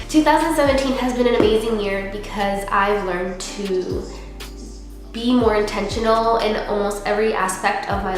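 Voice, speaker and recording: A young woman who is congested with a cold, talking casually and earnestly in a reflective vlog and often dropping in "like" as a filler. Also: mid-range voice. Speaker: vlogger. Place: unfurnished apartment room, indoors. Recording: very echoey empty room, music underneath.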